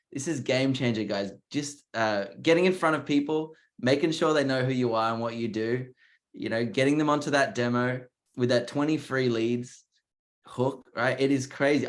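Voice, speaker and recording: A man with an Australian accent co-hosting a live webinar. He talks energetically, urging listeners on and leaning on "like" and "just". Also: medium pitch. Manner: energetic, repeats "like" and "just", salesy encouragement. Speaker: co-host.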